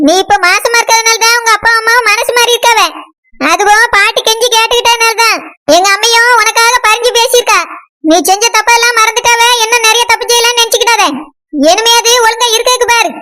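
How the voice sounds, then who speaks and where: A woman voicing a stern older cousin in a cartoon, lecturing briskly. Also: very high-pitched, flat delivery, pushed and bright.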